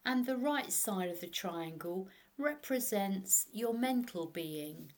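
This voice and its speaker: A woman narrating a guided meditation in a soothing sleep story manner, hushed and unhurried, leaving long pauses. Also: mid-range voice, lively intonation, poor audio.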